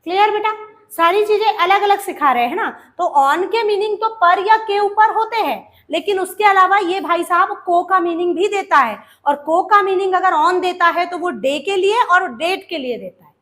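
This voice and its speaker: A woman's voice: very high-pitched, a bit bright. A woman with an Indian accent teaching English grammar to exam students, calling them beta and drilling answers with questions. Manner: slows down and stretches out example sentences.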